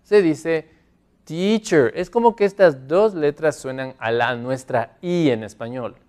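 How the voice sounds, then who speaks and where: A man who speaks Spanish natively, teaching an English lesson, modelling phrases slowly and repeating them with care. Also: mid-range voice, a little mellow, clean tone. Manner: slow, careful modelling of English phrases with repetition. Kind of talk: classroom lesson. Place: classroom with a board.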